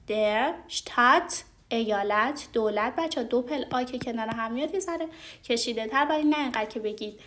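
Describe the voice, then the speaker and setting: A woman teaching a vocabulary lesson, talking straight to her learners, patiently repeating and slowly modeling each pronunciation with frequent hesitation sounds. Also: on the high side. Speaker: German language teacher.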